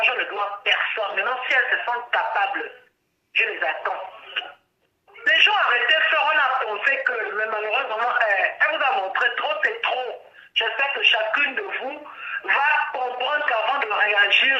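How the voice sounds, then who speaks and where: A woman's voice: fairly high pitch, bright, forceful tone. A woman with a Gabonese French accent on a speakerphone call, outraged and emphatic as she recounts a fight, repeating herself. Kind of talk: indignant phone testimony. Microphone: phone on speakerphone. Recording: muffled echoey speakerphone call.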